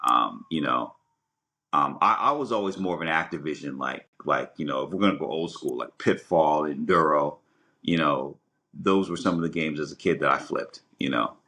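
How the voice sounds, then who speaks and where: With a bass voice that's bright and forceful, a middle-aged man co-hosts a podcast at a moderate pace. His conversational commentary is casual and lively, and he tends to repeat words in bursts as he figures out what he means.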